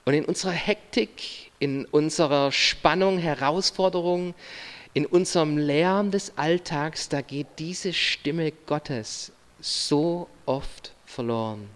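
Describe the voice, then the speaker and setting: High-voiced preaching man, reverberant hall. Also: takes it slowly. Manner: earnest preaching that speaks to the listener directly, in short phrases. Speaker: pastor. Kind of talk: sermon. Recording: long reverb of a large hall.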